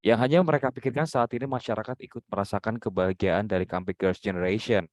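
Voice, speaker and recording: A man coaches journalism students with a direct, instructive critique, modeling the intonation he wants them to use. His voice is fairly low and darkish, and he talks fast. The recording is dry.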